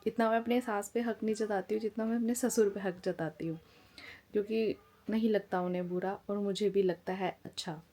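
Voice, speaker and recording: A woman in her forties from India vlogs about her family at home, talking frankly, openly and casually to the camera. Her mid-range voice is warm and steady, and she speaks a little fast.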